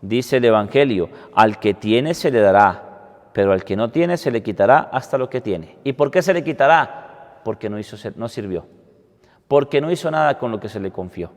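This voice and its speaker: A man, a priest giving a homily and prayers at Mass in a solemn, deliberate way, with a cathedral-like echo. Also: mid-range voice, lively intonation. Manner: solemn, deliberate delivery with measured phrases. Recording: cathedral-like echo, long reverb.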